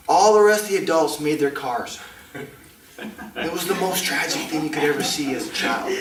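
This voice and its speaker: Performing in a speech club storytelling contest, a man spins a tall tale theatrically for a live audience, leaning on dramatic, deliberate pauses in a fairly high voice. The setting is an indoor community meeting room, captured by a distant mic with roomy echo and faint noise.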